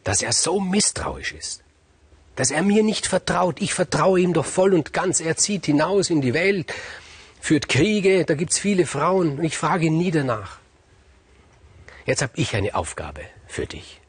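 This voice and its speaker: A man voicing an angry, indignant queen in a spoken fairy tale, commanding and sharp. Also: deep voice, big pitch swings, moderate pace, few pauses, slightly rough, no room sound, heavily acted. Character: furious betrayed queen of old Lydia.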